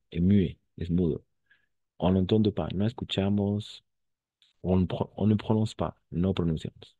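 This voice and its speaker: A man's voice: deep voice, breathy edge, no room sound, phone-quality sound. A male French teacher giving an online class, patiently repeating words and switching into Spanish to explain them.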